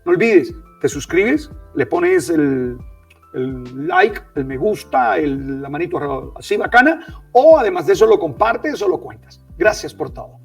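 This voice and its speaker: A high, gravelly male host, his pitch leaping up and down as he chats with enthusiasm and repeats words. He sounds a little away from the mic, with faint music under him. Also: lively intonation, measured pace, recorded from a distance. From Caribbean coast of Colombia. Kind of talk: casual interview chat.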